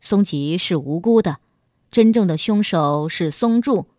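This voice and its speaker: A woman voicing a calm, shrewd male police chief who settles the case, in a storybook reading. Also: fairly low pitch, unhurried, no room sound, clean studio sound, pitched below the performer's own voice. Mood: decisive.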